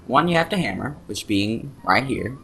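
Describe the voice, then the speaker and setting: A man's voice: mid-range voice, animated, moderate pace, gravelly, pushed and bright, a little hiss or hum. A man giving casual, joking commentary as he plays through a video game. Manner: sarcastic and joking. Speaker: let's play commentator.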